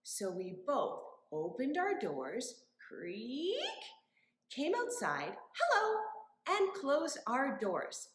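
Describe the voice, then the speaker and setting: Very slowly and with wildly swooping pitch, a high-voiced woman runs a storytime as a librarian, encouraging the children with sing-song rhymes and stories spoken directly to them. The room echoes noticeably.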